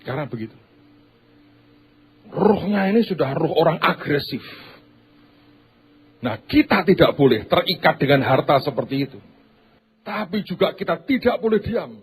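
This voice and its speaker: A man preaching a sermon as pastor, telling stories that swing from loud bursts to hushed asides. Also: on the high side, lively intonation, normal speed, long pauses, slight background noise.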